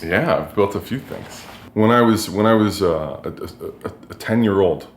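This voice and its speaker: A middle-aged man speaks in a fairly low voice and tells stories from his life in a relaxed, chatty way. He is an artist and talks from his own studio, which gives the recording a roomy echo. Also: normal speed, a little hiss or hum. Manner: relaxed and chatty, with many fillers. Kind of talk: casual personal storytelling.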